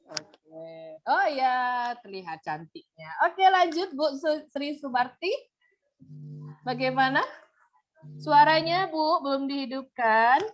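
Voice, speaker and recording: A woman lecturer leading an online class discussion over a video call, patient and chatty with gentle teasing. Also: high-pitched, lively intonation, slow pace. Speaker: university lecturer. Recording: muffled video-call audio, faint noise.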